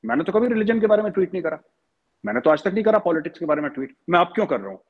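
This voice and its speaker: Husky man arguing on a TV debate. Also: sits high, expressive, rapid-fire, narrow, tinny audio. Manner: argumentative, switches into English phrases. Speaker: TV debate panelist. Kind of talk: heated TV debate.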